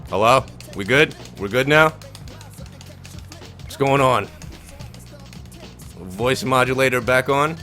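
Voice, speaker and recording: A streamer talking through a voice changer that pitches the voice far down, in loose, jokey gaming chatter with viewers. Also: slow, long pauses, pushed and bright, soft background music. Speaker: gamer streaming gameplay.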